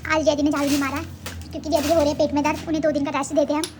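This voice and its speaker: A young adult woman vlogs casually at home on a handheld phone camera, rambling and chatty as she corrects herself mid-thought. Her high, darkish voice barely moves in pitch and comes out rapid-fire, with slight background noise.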